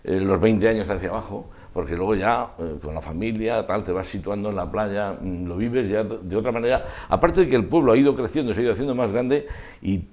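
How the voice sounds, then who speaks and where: Older man, very deep voice, reminiscing haltingly. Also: a little mellow. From Spain. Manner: discursive, halting, trailing off mid-thought. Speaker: interview guest, festival proclamation speaker. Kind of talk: reminiscing in a relaxed interview.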